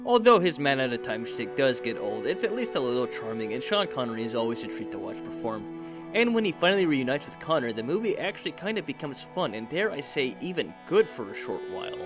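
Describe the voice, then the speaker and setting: Fast-talking male film reviewer over music. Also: medium pitch, big pitch swings. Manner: brisk, wry, rattling off critical questions. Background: background music.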